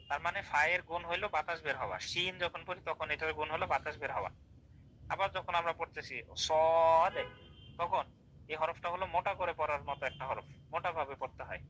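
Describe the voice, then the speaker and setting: Brief: male teacher, slightly high bright voice, patient drilling, faint hiss behind. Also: rough recording. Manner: explains step by step, repeats drills and asks checking questions. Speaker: Quran recitation teacher. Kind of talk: live online class.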